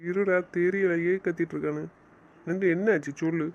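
A man's voice: high voice, fairly even intonation, a little fast. A young man acting an easygoing husband who speaks mildly and placatingly, puzzled by the fuss. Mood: bewildered. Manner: mild, placating, bewildered. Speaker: bewildered husband. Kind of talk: amateur web drama acting. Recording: dull lo-fi recording.

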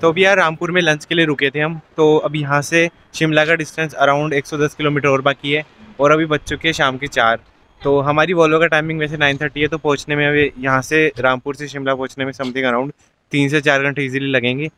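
Speaking fairly quickly in a voice on the high side, a young man in his twenties chats casually to camera for his travel vlog. He holds the phone or camera at arm's length outdoors on mountain roads and hotel grounds, relaxed and talkative, with frequent use of "yaar."

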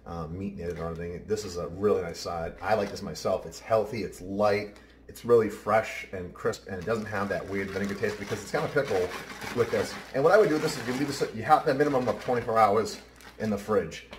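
A man's voice: lowish voice, a little fast, distant mic, a little hiss or hum. A man, casually talking through a recipe while he works in a large home kitchen. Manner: chatty, offhand, talks while working. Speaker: home cooking show host. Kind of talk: casual cooking demonstration. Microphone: camera mic at a distance, then close to camera. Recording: roomy kitchen sound, heard from afar.

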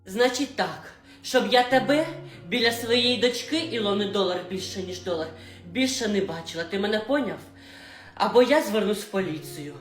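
A woman playing a loud, fierce protective mother. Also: medium pitch, lively intonation, normal speed, close to an everyday voice. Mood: threatening. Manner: loud and threatening. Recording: roomy room with faint music.

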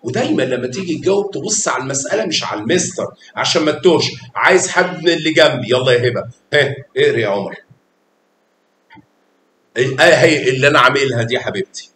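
With lively intonation and a fast, somewhat bright delivery, this Egyptian Arabic–accented math teacher guides a class of small children. He's affectionate and patient, using pet names, and the classroom echoes over a faint rumble.

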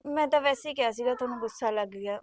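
A woman's voice: on the high side, rapid-fire, a little mellow, lightly acted. An actress with a Punjabi accent playing a newly married young wife who defends herself against her sister-in-law. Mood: defensive. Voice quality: pleading, defensive. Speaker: actor in a family web drama.

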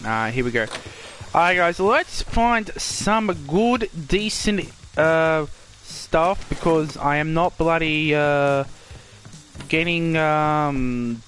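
A man streaming a game live, chatting to viewers in a rambling, drawn-out way. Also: a little high, a bit bright, a little hiss or hum. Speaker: gaming streamer. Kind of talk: casual gameplay commentary.

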